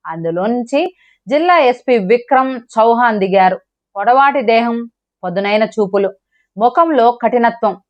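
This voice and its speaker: A woman narrating a dramatic moral story in a steady, scripted storytelling delivery. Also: on the high side. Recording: dull lo-fi recording.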